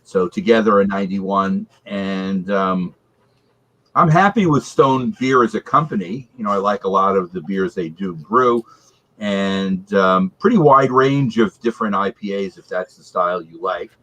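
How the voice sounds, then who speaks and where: A man on a video call with a heavy reverb echo on his audio, giving a casual, measured beer and cheese review with scores point by point. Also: low voice, fairly bright tone. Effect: reverb-heavy echoey sound. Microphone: video call microphone.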